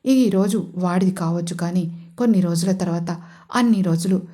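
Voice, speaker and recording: A woman narrator voicing a serious, scheming older brother who speaks harshly and calmly. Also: on the low side, moderate pace, close to an everyday voice. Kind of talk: audio story character voice.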